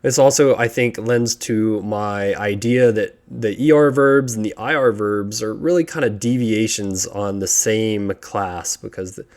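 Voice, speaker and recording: A man's voice: lowish voice, a little slow, hardly any pauses, a little mellow. Methodical man teaching verb endings. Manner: methodical, chants conjugation patterns. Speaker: language teacher. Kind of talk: tutorial narration over slides.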